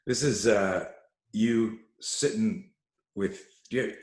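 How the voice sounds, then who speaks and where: A very deep male voice asking interview questions in an easygoing, meandering way. The recording sounds roomy, with noticeable echo. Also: very slow. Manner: laid-back, rambling question phrasing. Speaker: podcast host. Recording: echoey room.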